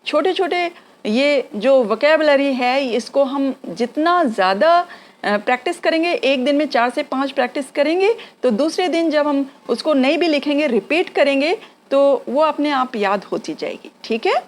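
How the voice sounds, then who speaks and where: A woman teaching spoken English, slowly repeating example phrases for learners to copy. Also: high voice, lively intonation. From India. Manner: slow drilled repetition of example phrases.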